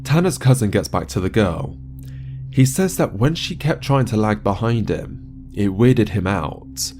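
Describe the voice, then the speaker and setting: A man's voice: lowish voice, a little mellow. A man narrating a first-person horror story in a profane, conversational way. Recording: narration over music bed.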